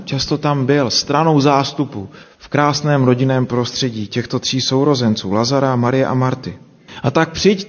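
A man reading scripture aloud and then preaching a sermon in a measured, unhurried way, asking rhetorical questions. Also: mid-range voice. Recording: long reverb, dull lo-fi sound.

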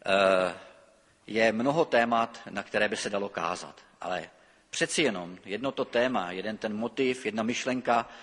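A middle-aged man preaching a sermon, reading scripture expressively and then talking freely with hesitations. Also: fairly low pitch. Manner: lively expressive reading, halting with fillers when speaking freely. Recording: long reverb of a church hall.

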